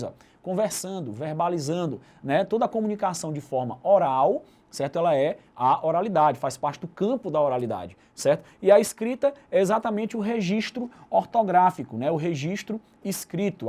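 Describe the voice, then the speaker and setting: A man's voice: high-pitched, darkish tone. A Brazilian man with a Brazilian Portuguese accent giving a recorded video lesson, explaining step by step and closing nearly every phrase with a tag question. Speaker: teacher.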